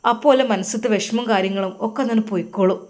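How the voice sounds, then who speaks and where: A calm, consoling brother, voiced by a woman storyteller. He talks gently and evenly with a Malappuram Malayalam accent. This is a spoken storybook figure. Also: mid-range voice, quick pace, close to an everyday voice. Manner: gentle and reassuring. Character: calm consoling young man, a bride's brother.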